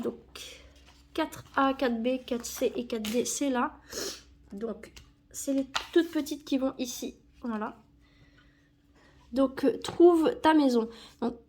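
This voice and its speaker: Sticking stickers into an album, a young YouTuber with a cold chats casually while opening sticker packs, correcting herself and using many fillers. Her voice is high with a darkish tone.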